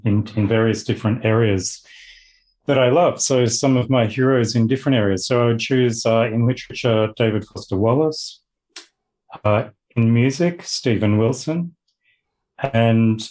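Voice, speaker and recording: Heard through poor audio, an Australian-accented man, a philosophy lecturer, talks as a guest in a casual interview. He's measured and thoughtful with the odd filler, and his medium-pitched voice is a little mellow.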